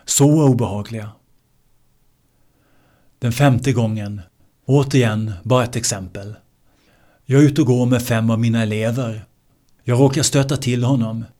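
A man teaching meditation in a slow, measured way, repeating key words for emphasis. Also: mid-range voice, fairly even intonation, warm tone. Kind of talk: spiritual teaching talk.

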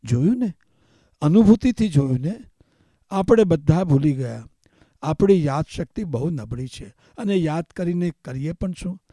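A man delivers a spiritual discourse as a meditation teacher. He builds points through rhythmic repetition and returns to chanted refrains. His voice sits high but sounds deeply mellow, and the recording is close and dry. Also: expressive, measured pace, no room sound.

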